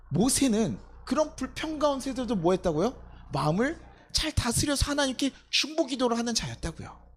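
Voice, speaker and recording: 중년 남자 목사가 밤 예배에서 회중에게 계속 물음을 던지며 대화하듯 설교한다. 목소리는 높은 편이고 억양이 넓게 오르내린다. 성경 속 인물의 말을 직접 흉내 내듯 생생하게 들려준다. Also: male voice, high-pitched. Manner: conversational preaching, asking the congregation questions and acting out quotes. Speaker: pastor. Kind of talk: sermon at a night worship service.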